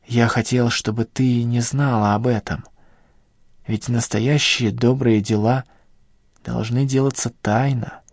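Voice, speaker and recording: A man reading an audiobook and voicing an obsessive male kidnapper with a high, sharp voice and pathetic, self-righteous outbursts. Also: dry recording, clean studio sound. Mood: strained, quieter. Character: obsessive unhinged male kidnapper, shrill and hysterical.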